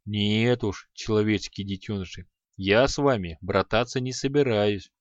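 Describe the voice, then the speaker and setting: A man's voice: fairly low pitch, moderate pace, dry recording, close to an everyday voice. A man voicing a sardonic chained demon who mocks and grumbles in an audiobook. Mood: sarcastic. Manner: sarcastic, mocking. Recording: slightly dull audio.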